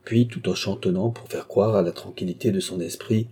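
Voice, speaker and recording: A man reading an audiobook of a classic novel in a measured, even narration. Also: sits low, slightly rough. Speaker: audiobook reader. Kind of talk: scripted narration.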